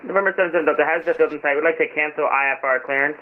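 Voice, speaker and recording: A man's voice: on the high side, fairly even intonation, racing, narrow, tinny audio. A man speaking as a pilot over the radio, giving clipped readbacks through a noisy radio line. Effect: pilot radio transmission. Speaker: virtual pilot on air traffic radio.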